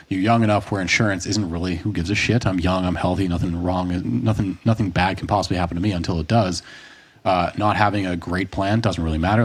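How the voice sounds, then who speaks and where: A man's voice: low-pitched, breathy edge. A man in his late twenties or thirties, a fitness coach co-hosting a podcast, talking through ideas in long rambling stretches with restarts and the odd curse word. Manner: long rambling explanations, frequent restarts, occasional swearing. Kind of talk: casual podcast discussion.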